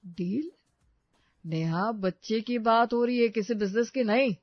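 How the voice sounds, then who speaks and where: A woman's voice: fairly high pitch, unhurried, no echo. A woman voicing a young husband who pleads with and scolds his wife in exasperation. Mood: exasperated. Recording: dry, dull lo-fi with faint music.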